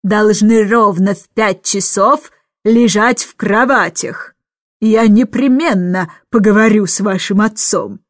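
A woman voicing a stern, domineering old governess who shouts slow, indignant commands. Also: medium pitch, no echo, clean studio sound, close to an everyday voice. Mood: furious.

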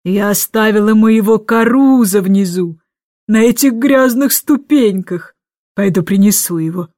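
A woman doing a booming, furious old governess. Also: no echo, clean studio sound, close to an everyday voice. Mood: bossy. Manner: booming, indignant, slow emphatic shouting.

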